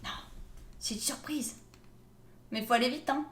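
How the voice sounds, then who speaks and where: A woman's voice: high voice, a little slow. A woman hosting a live tournament pool draw, playful and joking with viewers. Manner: playful, laughs often, jokes with viewers. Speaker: host drawing tournament pools. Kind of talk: casual live-stream commentary. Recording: echoey room with faint noise.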